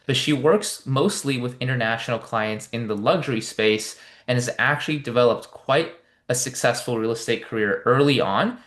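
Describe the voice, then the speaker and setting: A man's voice: medium pitch, fairly bright tone. A man hosting an interview show, rambling through his questions with plenty of "you know". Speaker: podcast host. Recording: echoey room.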